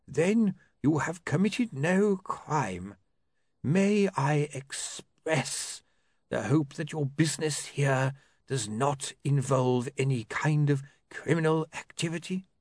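A man voicing a slow, dry, stiff old male lawyer with a creaky, husky voice, in an audiobook. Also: a little high, lively intonation, darkish tone, dry recording, pitched above the performer's own voice, exaggerated voice.

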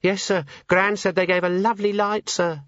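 A man's voice: level tone, normal speed, fairly bright tone, no echo, highs cut off. A man reading aloud and voicing a nervous young maid who stammers and speaks humbly. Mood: timid. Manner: stammering, deferential, lower-class speech.

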